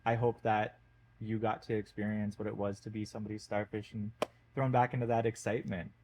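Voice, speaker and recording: A man, a podcast guest, telling a story in a casual conversation, with fillers and animated emphasis. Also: lowish voice, a little fast, a little hiss or hum, rough recording.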